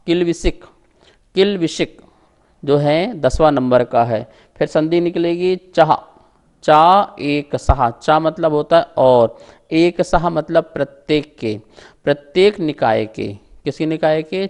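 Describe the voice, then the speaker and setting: Slow, deliberate man teaching scripture. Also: fairly high pitch, darkish tone. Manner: explains syllable by syllable, drawn-out words. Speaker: religious teacher. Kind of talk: slow recitation lesson.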